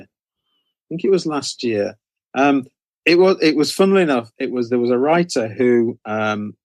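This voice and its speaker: In a medium-pitched voice with no room sound, an author and anthology editor responds casually as an interview guest. He hesitates a lot, repeating phrases and correcting himself as he goes.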